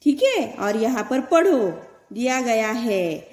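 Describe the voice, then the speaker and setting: A woman teaching Hindi to primary school children in a recorded lesson, reading words out slowly and carefully, sounding out syllables one by one. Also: a little high, very animated, a little mellow. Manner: slow, careful word-by-word reading, stretching out syllables. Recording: echoey room.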